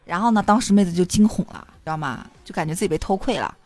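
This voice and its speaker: A woman's voice: lowish voice, fast, no room sound. A young woman hosting a show, telling a funny story with lots of giggling and casual cussing. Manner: animated, giggly, cusses casually. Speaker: host. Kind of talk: comic storytelling.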